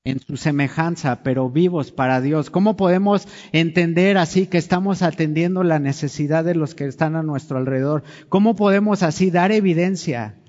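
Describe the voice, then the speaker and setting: A man preaches in a relaxed, conversational way, putting question after question to his listeners. His voice sits a little high for a man, and a long reverb trails it through a dull, muffled recording. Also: normal speed, hardly any pauses. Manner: conversational, asks the congregation questions. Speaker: pastor. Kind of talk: sermon.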